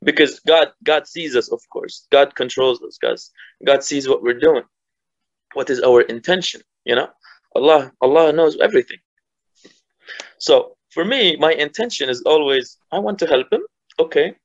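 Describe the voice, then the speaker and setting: Calm young man, dull dry sound. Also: a little high, normal speed. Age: 20s. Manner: calm, reflective, motivational. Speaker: guest footballer. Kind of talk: casual interview talk.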